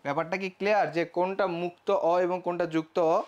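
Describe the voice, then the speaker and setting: High-voiced young man teaching a live class. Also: fairly even intonation, quick pace, muffled recording, slight background noise. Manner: explains step by step with rhetorical questions; acts out student questions himself. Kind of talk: live online class lecture.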